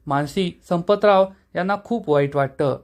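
A man with a Marathi accent narrates a recap of a television serial episode in a scripted storytelling manner. His voice sits high for a man, and he reads the characters' quoted lines without changing his voice. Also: moderate pace. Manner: steady storytelling, reading quoted dialogue in the same voice.

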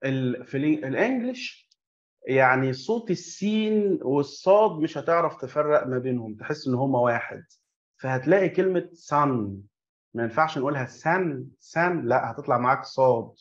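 A man's voice: mid-range voice, lively intonation, brisk, dull audio. A man with an Egyptian Arabic accent teaching an online English class to children. He explains in a chatty way, asks and answers his own questions, and has the class repeat words after him.

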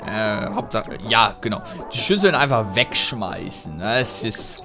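Man, let's play commentary, casual, lively pitch, game music behind. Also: unhurried. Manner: animated, talks to his game characters.

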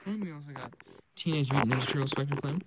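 A man's voice: mid-range voice, fast, lo-fi sound, heavy background noise. A man casually showing off his toy haul in a vlog, rambling with lots of fillers, filming the toys on a floor indoors. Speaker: toy collecting vlogger. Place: indoors, camera pointed at toys on a carpeted floor.

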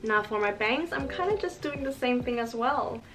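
A woman's voice: a little high, lively intonation, normal speed. A young woman in her twenties chatting casually while she styles her hair, recorded indoors in her living room by a camera in front of her. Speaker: beauty vlogger. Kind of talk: hair tutorial. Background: background music.

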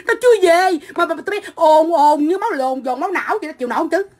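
A woman's voice: extremely high pitch, animated, racing, slight background noise. A middle-aged woman from Vietnam, delivering a profane, combative livestream rant into a phone. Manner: profane, combative, shouting insults.

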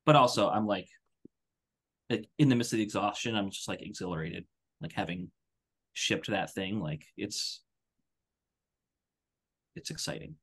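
A tired man in his thirties, co-hosting a podcast over a video call from a room at home, chats casually in a rambling, self-deprecating way through a headset. His fairly low voice is a bit bright and slightly rough, and he speaks unhurriedly with long pauses.

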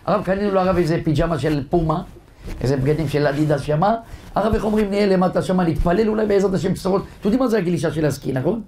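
Male rabbi, high voice, joke-telling preacher working the congregation. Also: slight background noise. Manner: lively joke-telling storyteller addressing a congregation. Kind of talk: humorous sermon with jokes.

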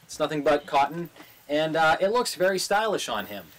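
A man in his twenties, drunk, hosting a podcast with crude, deadpan jokes in an irreverent casual chat. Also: a little high, moderate pace, poor audio. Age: 20s. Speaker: comedy podcast host. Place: small indoor studio with green backdrop. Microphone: large desktop studio microphone.

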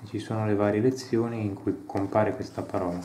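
A man reading a French lesson dialogue aloud slowly and carefully, translating it line by line with quick asides. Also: fairly low pitch, fairly even intonation, dark tone, roomy sound, slight background noise. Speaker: language learner reading a course aloud.

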